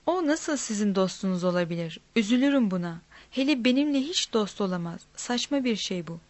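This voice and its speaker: A woman's voice: medium pitch, expressive, a little fast, no echo, natural voice. A woman reading as an emotional, blustering man. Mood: bitter. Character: distraught middle-aged man, emotional and blustering.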